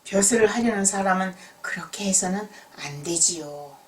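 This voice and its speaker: A woman's voice: mid-range voice, normal speed, distant mic, a little hiss or hum, lightly acted. A woman storyteller voicing an honest, earnest young male scholar of old Joseon, speaking humbly and formally in a children's tale. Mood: earnest, humble. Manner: humble, formal, clearly spoken.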